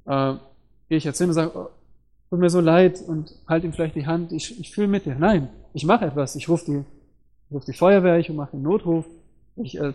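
Guy preaching a sermon, kinda high voice but mellow, earnest, explains bible words. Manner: explains word meanings and scripture plainly, with rhetorical questions.

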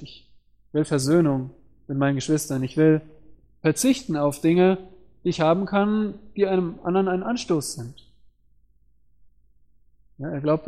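A man delivers a sermon in an earnest teaching tone, explaining scripture and asking rhetorical questions. His voice sits a little high for a man. Its tone is mellow and dark rather than bright. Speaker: preacher.

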